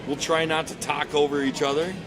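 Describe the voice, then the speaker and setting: A man's voice: a little high, level tone, fairly quick, crowd noise. A man giving casual, joking color commentary on curling from a shared desk mic. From Minnesota. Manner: chatty and joking, laughs often. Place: indoor curling center.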